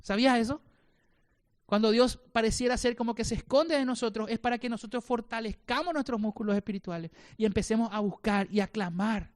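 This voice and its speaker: A man's voice: extremely high pitch, a little fast. A male pastor, preaching a sermon with rhetorical questions and acted-out voices.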